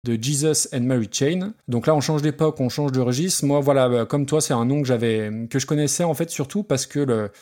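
A man's voice: medium pitch, a little fast, hardly any pauses, darkish tone. A man co-hosting a podcast, casually reviewing a song cover, rambling and hesitant with blunt slangy judgments. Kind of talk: casual chat.

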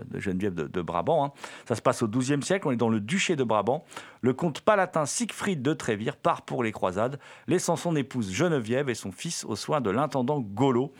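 A man hosting a casual film review, enthusiastic but hesitant, full of fillers and repeated words. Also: mid-range voice.

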